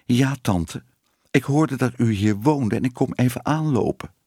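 A man voicing a young female cat turned into a woman, speaking meekly and pleadingly, raised in pitch, in a storybook reading. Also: animated, measured pace, a little mellow, slightly rough, dry recording, clean studio sound. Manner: meek and pleading.

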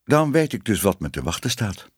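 A man's voice: lowish voice, very animated, fairly quick, breathy edge, no room sound, studio quality. A man doing a determined young reporter. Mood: resolute.

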